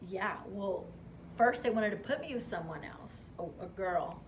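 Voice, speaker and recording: An animated woman recounts her career in a relaxed interview, slipping into quoted voices and gasping for effect. Her voice sits at a middling pitch for a woman, with a faint hiss of background noise behind her. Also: a little slow. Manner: animated, acts out quoted dialogue with gasps. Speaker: hair stylist guest. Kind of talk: casual interview storytelling.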